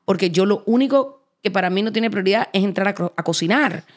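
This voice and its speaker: A middle-aged woman from Cuba hosts a podcast in easy conversation. Her voice sits in a middle pitch, and she stresses her points by saying them twice. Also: brisk. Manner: emphatic, repeats words for emphasis. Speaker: podcast host. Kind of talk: casual chat.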